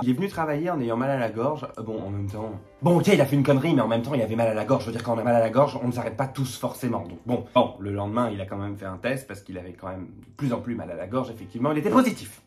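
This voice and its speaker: A young man telling a story to camera in a casual, animated, jokey way, jumping into high mocking voices for asides. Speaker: vlogger.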